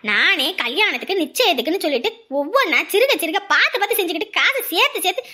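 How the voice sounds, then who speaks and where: A woman playing a loud, thrifty middle-aged village mother who scolds and wails in a comedy sketch. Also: big pitch swings, fast, exaggerated voice. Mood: scolding. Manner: shrill, scolding, wailing.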